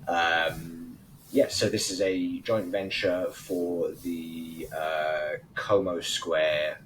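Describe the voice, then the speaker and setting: A hoarse man co-hosting a casual industry podcast, chatty and loose, swearing now and then. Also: low-pitched, flat delivery, extremely slow, fairly bright tone, slight background noise, low-quality recording. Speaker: podcast co-host.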